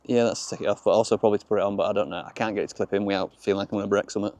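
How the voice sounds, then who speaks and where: A man from Yorkshire, England races through a casual car vlog in chatty British slang, his voice on the low side, steady and darkish in tone. He's outside around a small open-top car, with noisy car and outdoor ambience in the recording.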